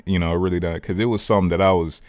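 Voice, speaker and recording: A man's voice: low-pitched, fairly even intonation, very fast, darkish tone, no room sound, clean studio sound. A man hosting a casual spiritual talk vlog, rambling, slangy and often cutting himself off to go on side tracks. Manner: rambling, digressive, self-interrupting; slangy and conversational. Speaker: spiritual video host.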